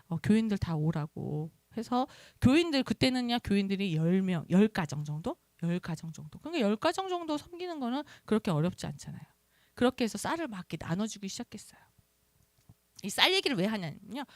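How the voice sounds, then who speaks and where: A middle-aged woman missionary giving an animated testimony in a sermon, acting out the words she and others said. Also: medium pitch, no echo. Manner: animated storytelling, acts out her own quoted speech.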